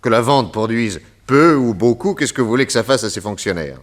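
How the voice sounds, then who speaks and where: An actor playing Nick Carter, a calm and shrewd middle-aged detective, in a French radio drama, reasoning aloud in a measured way. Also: male voice, medium pitch, natural voice.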